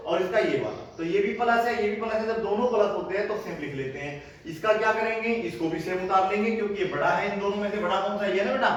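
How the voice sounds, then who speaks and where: A patient maths teacher with a high voice explains each step of a lesson and keeps checking that his students follow. He is recorded from a distance in a very echoey room with faint ambient sound. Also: a little hiss or hum. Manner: patient, calls students "beta", checks understanding often.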